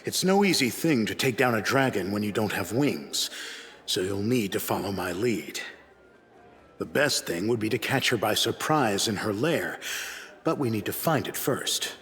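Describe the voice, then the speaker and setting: Confident and animated, a male actor plays a fantasy game's proud, unflappable assassin for hire. His deep, dignified voice is a bit bright and carries formal, measured condescension, and the recording has a big-room sound.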